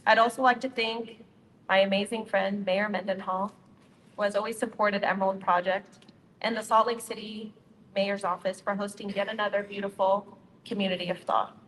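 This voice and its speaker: Speaking at normal speed with a level, fairly bright medium-pitched voice, this nonprofit co-founder from Utah, United States, gives a friendly prepared talk to her community. She addresses the audience directly in an upbeat way, and the recording carries hall reverb and a little background noise.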